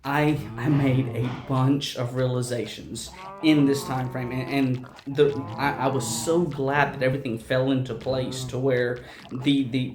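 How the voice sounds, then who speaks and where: A man hosts casual gameplay commentary, stammering and repeating words and humming little tunes. He laughs easily and talks at a middling pitch. His voice has a roomy echo around it. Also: background noise. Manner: laughs often, excitable. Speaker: gaming channel host.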